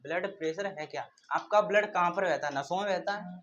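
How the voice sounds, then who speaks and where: A high-pitched man teaching a class, asking questions and answering them himself, and drilling the same terms again and again. The recording is slightly muffled, with a faint hum behind it. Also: a little fast, fairly bright tone. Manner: drills terms in call-and-response rhythm. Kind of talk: classroom lecture.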